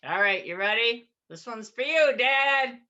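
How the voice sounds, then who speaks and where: A cheery woman in her sixties guides a group through laughter exercises with lots of laughing and cheering. Her voice is bright and her delivery unhurried. The sound is dull and lo-fi, like a video call. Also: a little high, animated. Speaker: laughter yoga leader. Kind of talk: leading an online group exercise class.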